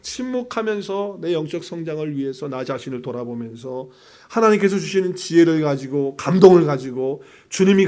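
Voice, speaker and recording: A man preaching a sermon with a fairly high voice. He swings between near-whispers and loud, insistent emphasis. He drives his points home with rhetorical questions. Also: creaky. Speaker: pastor.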